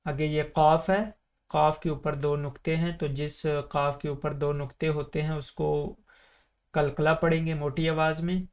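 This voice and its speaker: A male Quran reading teacher works through the Arabic alphabet for beginners in a steady, fairly flat voice. He holds each letter name long and slow, then explains quickly how it should sound. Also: fairly high pitch, lo-fi sound. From Pakistan. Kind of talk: recorded lesson for beginners.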